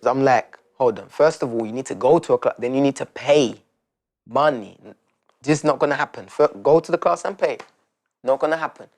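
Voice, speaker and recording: A young man from Turkey, telling his life story in a documentary interview, reflective and halting with many restarts. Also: mid-range voice.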